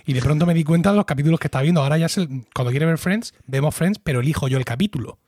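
A man's voice: fairly high pitch, very fast, darkish tone, no room sound, clean studio sound. A middle-aged man hosting a podcast, recapping a sitcom episode in casual chat and wryly acting out the lines he quotes. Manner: chatty, wry, acts out quoted lines. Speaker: podcast host.

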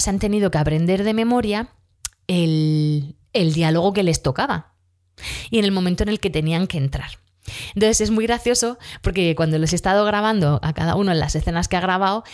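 A woman's voice: mid-range voice, a little mellow. Chatty woman teacher with a cough. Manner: chatty, often restarts and corrects herself. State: has a cough. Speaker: school teacher. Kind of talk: casual spoken account of a class.

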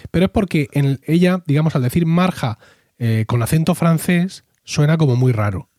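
A man's voice: a little high, normal speed, warm tone, dry recording, studio quality. A man, co-hosting a casual chat and explaining a line from the dub. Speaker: co-host.

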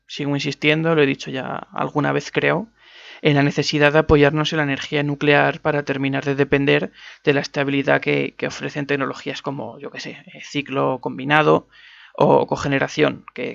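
A man's voice: on the high side, gravelly, a bit bright, no room sound. A man from Spain giving casual, digressive commentary on energy for a podcast, full of fillers and self-corrections. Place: on the move, away from his usual setup. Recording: dull, lo-fi, dry sound.

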